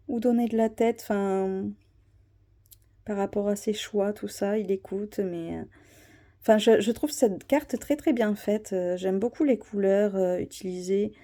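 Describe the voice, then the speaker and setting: A woman's voice: medium pitch, dark tone. A woman chatting casually about her tarot cards, hesitant, with many fillers and restarts. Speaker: tarot vlogger. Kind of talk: casual show-and-tell.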